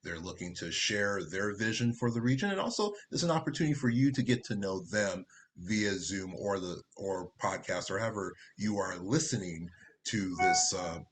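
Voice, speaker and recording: A man's voice: lowish voice, expressive, moderate pace, slight background noise. A man hosting an interview, chatty and rambling, with many fillers and restarts. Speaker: interview host. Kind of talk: casual interview over video call.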